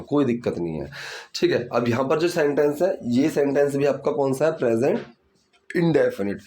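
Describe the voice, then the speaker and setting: A male English teacher walks through grammar in a lesson. His voice is mellow and warm and sits at an ordinary pitch. He pauses often to check in with the learner and draws out each example sentence slowly. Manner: keeps checking in with "theek hai".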